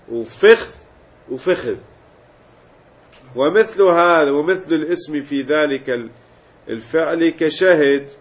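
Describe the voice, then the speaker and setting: A man's voice: medium pitch, highs cut off. A man teaching a grammar lesson, explaining step by step and repeating word forms aloud. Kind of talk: classroom lesson.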